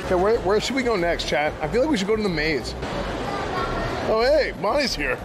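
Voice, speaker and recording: A man's voice: sits high, very animated, a little fast, loud music behind the voice. A young man streaming while he walks through a big indoor mall, joking and rambling with many restarts, recorded on a shoulder-mounted camera. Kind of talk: casual walking vlog. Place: large indoor shopping mall. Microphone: camera on a shoulder rig.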